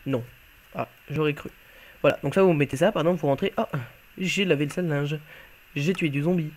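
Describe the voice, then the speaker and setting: A man with a somewhat high voice walks through a game mod in relaxed, chatty commentary. He thinks aloud as he plays, offhand and unpolished. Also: fairly quick. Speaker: YouTuber showcasing a game mod. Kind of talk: casual gameplay commentary.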